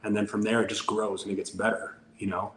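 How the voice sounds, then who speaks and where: A man's voice: fairly low pitch, flat delivery, quick pace, a bit bright. A man in his forties, a podcast guest talking candidly in a casual interview and acting out the lines of a story he tells. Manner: candid storyteller who acts out dialogue. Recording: roomy sound with faint background noise.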